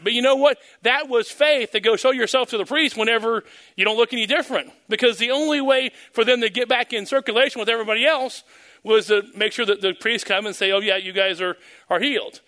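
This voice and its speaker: With a high voice that sounds pushed and bright, a male pastor preaches and prays fervently into a pulpit microphone while leading a church service. He often repeats words and fills pauses with ums.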